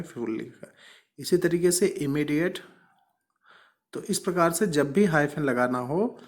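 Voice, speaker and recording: A man teaching English punctuation, patiently repeating each rule and asking rhetorical questions. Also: on the high side. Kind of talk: explaining grammar lesson.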